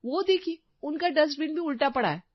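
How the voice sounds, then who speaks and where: A woman voicing a young gossipy daughter-in-law in a cartoon story, shrill and accusing. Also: expressive, a little fast, no echo, lo-fi sound.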